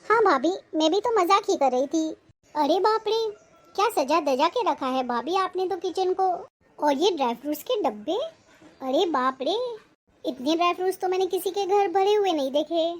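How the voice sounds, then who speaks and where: A woman's voice: very high-pitched, expressive, moderate pace. A woman playing a pushy, nosy young sister-in-law who chatters and drops sly remarks in an acted family drama. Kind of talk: acted Hindi family short film.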